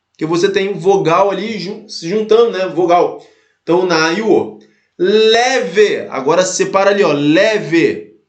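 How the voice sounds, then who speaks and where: A high-voiced Portuguese teacher leads an exam-prep lesson, recorded in an echoey room. He breaks things down step by step, restating his points and checking on his students as he goes.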